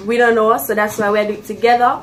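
A woman's voice: on the high side, flat delivery, fast talker, a little hiss or hum. A young Jamaican woman hosting her vlog in a loose, chatty way with plenty of fillers. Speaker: vlogger host. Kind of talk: casual chat. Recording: voice a bit distant from the mic.

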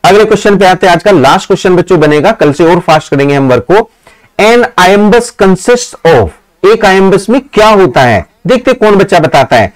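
Fairly high-voiced male teacher. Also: lively intonation, rough recording. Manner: reads out English questions slowly, explains in Hindi; praises students by name. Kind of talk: live online exam-prep class.

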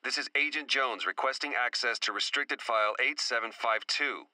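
An actor playing a harried, wisecracking secret agent in a dramatic video game trailer, with a wry, sarcastic manner. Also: male voice, mid-range voice, moderate pace, sharp tone, no echo, rough recording. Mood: frustrated, bitter.

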